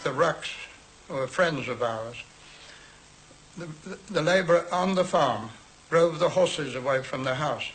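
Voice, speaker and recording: A man's voice: a little high, a little slow, pauses often, low-quality recording. A man recounting personal memories in an interview, plain and matter-of-fact. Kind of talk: interview recollection.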